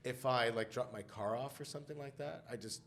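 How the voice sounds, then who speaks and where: A man co-hosting a podcast in casual chat, a chatty, animated storyteller who laughs often. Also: mid-range voice, a little fast, slight background noise. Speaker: podcast co-host.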